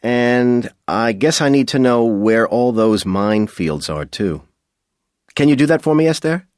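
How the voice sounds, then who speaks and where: A man's voice: medium pitch, expressive, slow, darkish tone, no echo, studio quality. An actor playing a confused business client who leaves a voicemail message for his lawyer, talking casually and hedging as he goes. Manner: casual and hesitant, hedging with fillers. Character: adult male business client, confused, polite. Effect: leaving a voicemail message. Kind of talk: scripted textbook audio dialogue.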